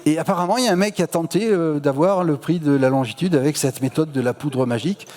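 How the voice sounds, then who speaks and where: A man's voice: fairly high pitch, quick pace, darkish tone. A man with a Marseille accent giving a casual popular-science talk at a festival, slangy and full of hesitations. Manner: chatty, slangy, many hesitations. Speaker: public lecturer. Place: lecture hall at an astronomy festival. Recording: reverberant lecture hall.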